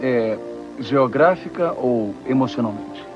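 A wry, joking writer. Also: male voice, medium pitch, lively intonation, slow pace, muffled recording, music in the background. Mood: playful. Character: witty, easygoing middle-aged male writer. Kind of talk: Brazilian Portuguese film dubbing.

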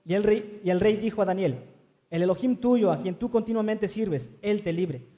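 High, mellow man reading scripture. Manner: steady, measured reading. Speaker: scripture reader. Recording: long reverb.

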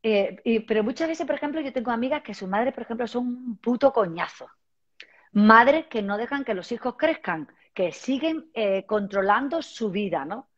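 A woman's voice: a little high, animated, normal speed, slightly rough. A woman hosting a casual conversation, bluntly asking reflective follow-up questions. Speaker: host. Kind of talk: interviewer in casual chat. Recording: dull lo-fi sound.

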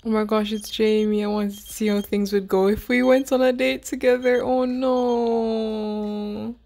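A woman's voice: mid-range voice, level tone, fairly quick, darkish tone. A woman gaming YouTuber giving chatty, giggly let's-play commentary, bossing her characters around.

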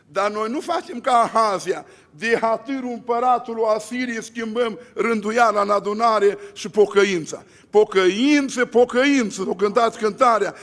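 High-voiced preaching man, church reverb. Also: a bit bright. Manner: emphatic preaching with repeated lists and rhetorical questions. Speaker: pastor. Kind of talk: sermon.

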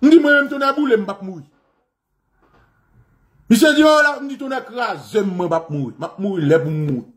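A man with a Haitian accent, a political activist and radio host, giving a fiery, repetitive monologue that rises to shouts and swearing. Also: high-pitched, expressive, normal speed, pauses often.

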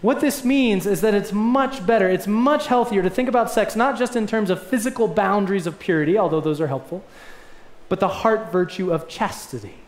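A young man delivers a sermon from a lectern, earnest and emphatic, pressing his points with rising swells. His voice sits fairly high for a man. The sound rings around a roomy church sanctuary. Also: fairly quick. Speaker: pastor. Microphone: lectern mic. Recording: echoey church room.

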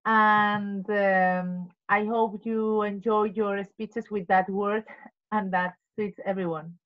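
Woman reading definitions on a video call, careful non-native english, slow, dull audio. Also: mid-range voice, fairly even intonation. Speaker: meeting member presenting word of the day.

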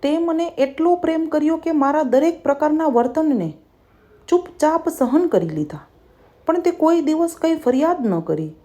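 A woman's voice: sits high, lively intonation, moderate pace, mellow, voice pushed up. A woman voicing a remorseful husband who apologizes through tears in a read-aloud story. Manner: tearful, apologetic.

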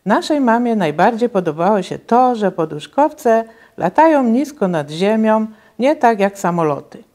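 A woman reading a children's story aloud at a reading event, in measured, careful storytelling. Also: on the high side, sing-song, a little mellow. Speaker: reader at a cultural centre reading event.

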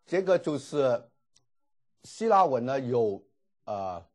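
A man's voice: mid-range voice, big pitch swings, takes it slowly. A man teaching a Greek class, explaining patiently and dropping frequent filler particles. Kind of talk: classroom lecture.

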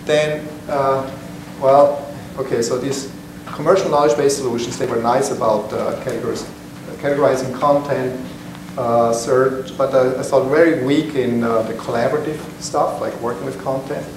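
A middle-aged man from Switzerland giving a technical talk to a small meetup, halting with many fillers and restarts. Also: mid-range voice, fairly even intonation, creaky. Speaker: meetup presenter. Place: conference room, standing by a projector screen. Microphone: far camera. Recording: echoey room from far off, noisy.

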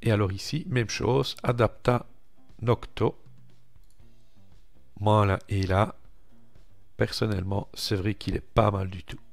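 A man with a French accent hosts a screen-recorded software walkthrough, taking his time over every step. His speech is slow and unhurried, and he narrates each click with friendly little asides. Faint music plays quietly underneath. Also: lowish voice, steady tone, gravelly. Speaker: tech tutorial host.

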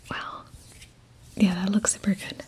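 A young woman, an ASMR creator playing a hairdresser, whispers a personal-attention scene in a slightly slow, slightly mellow voice. Her delivery is casual and reassuring, recorded at home in a small room on a close desktop condenser microphone.

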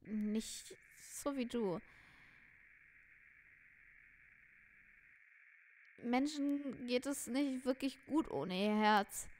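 A woman's voice: a little high, takes it slowly, darkish tone. A woman voicing a cool, scolding sorceress in a video game, reading her lines in a stern, lecturing way. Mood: cold. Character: a cool, scolding sorceress who holds a heart with her magic.

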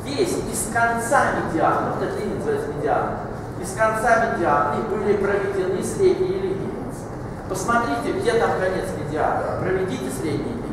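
Standing at a big blackboard in a classroom, an older male math teacher instructs step by step through a geometry problem, correcting bluntly and issuing brief commands. He speaks a little fast in a high, sing-song voice. The sound comes from a distant mic in a noisy, echoing hall.

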